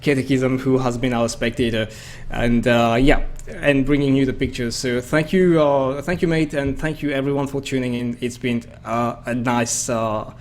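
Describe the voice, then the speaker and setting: A man's voice: mid-range voice, fairly even intonation, moderate pace. A man hosting and commentating a game match stream in a casual way, full of fillers and hesitations. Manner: chatty, hesitant with many fillers.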